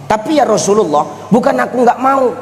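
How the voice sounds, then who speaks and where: A man's voice: extremely high pitch, lively intonation, brisk, big-room sound, voice pushed up. A man voicing a poor, devout man who humbly explains himself to his teacher. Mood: earnest.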